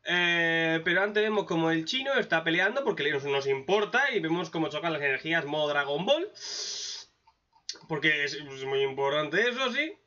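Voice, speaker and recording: A man's voice: fairly high pitch, animated, moderate pace, bright, forceful tone, recorded from a distance, muffled recording. A man with a Spain Spanish accent hosting a reaction video, ranting sarcastically with lots of swearing. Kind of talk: casual profane commentary.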